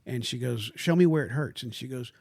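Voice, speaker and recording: A man's voice: medium pitch, brisk, creaky, darkish tone, husky, dry recording. A man from Houston sits in as a podcast guest and tells family stories at an easy, rambling pace. He keeps reaching for "you know" as he goes. His voice sits in a middle range, recorded close and dry in a studio. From Houston, Texas. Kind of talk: casual chat, storytelling.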